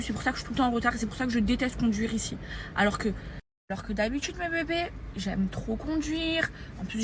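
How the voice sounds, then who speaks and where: A young woman vlogging casually at home into a phone, dramatic and exclaiming. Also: on the high side. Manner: dramatic, exclaiming, baby talk to her dogs. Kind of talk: casual vlog chat. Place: home, indoors. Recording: echoey room, faint noise.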